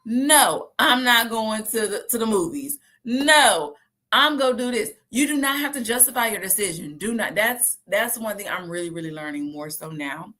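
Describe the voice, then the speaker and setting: A woman, talking casually and lively to her viewers and acting out the voices she quotes. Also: on the high side, moderate pace. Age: 30s. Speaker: host.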